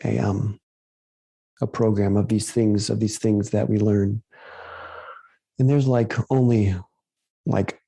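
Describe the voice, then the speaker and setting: A male meditation guide offers a casual spoken reflection in a lowish, mellow voice with vocal fry and no room sound. He rambles, using lots of fillers and restarts.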